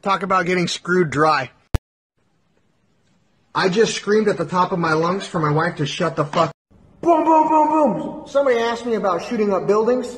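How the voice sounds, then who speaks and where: A man in his thirties giving an absurd comedy monologue, moving from flat deadpan remarks to frantic screaming. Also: sits high. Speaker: comedic vlogger.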